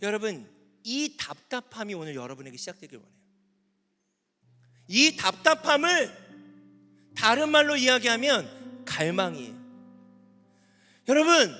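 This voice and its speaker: A male pastor preaches to a youth camp in an animated, lively way, his pitch swinging widely as he questions the crowd. His voice sits high and sounds very bright. It carries a long hall reverb, with faint instrumental music underneath. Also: a little slow, long pauses. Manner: animated, questions the audience, rising to shouts.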